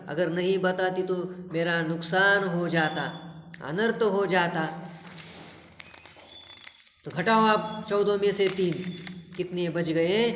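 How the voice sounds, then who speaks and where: A woman reading as an angry male employer. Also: on the low side. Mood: calm. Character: stern middle-aged male householder, angry employer. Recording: echoey room with long reverb.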